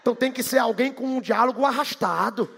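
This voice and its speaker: Fast, high-voiced Bahian preacher in a hall. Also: male voice, creaky, husky. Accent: Bahian Portuguese. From Bahia, Brazil. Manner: fast, shouting at peaks, sing-song. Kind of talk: sermon. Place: church hall. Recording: long hall reverb.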